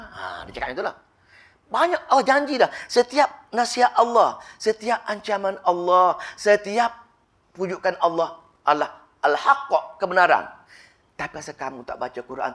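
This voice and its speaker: A Malaysian man preaches a Ramadan sermon with a Malay accent, his voice sitting fairly high for a man. He tells the story in an animated way, voicing its characters and slowing down to recite verses in Arabic.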